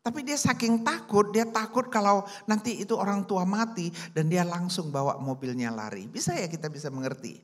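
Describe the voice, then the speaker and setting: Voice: medium pitch, a little fast, hardly any pauses, fairly bright tone. A preacher telling a story in a sermon, acting out the people he quotes. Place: church service.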